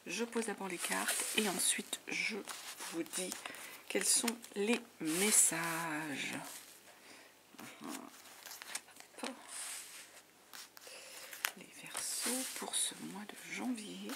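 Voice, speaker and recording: A woman giving a monthly tarot reading in a soft, half-whispered voice full of fillers, her voice giving out. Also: mid-range voice, very slow, gravelly, pauses often. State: voice giving out, clearing throat. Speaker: tarot reader. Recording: noisy home recording.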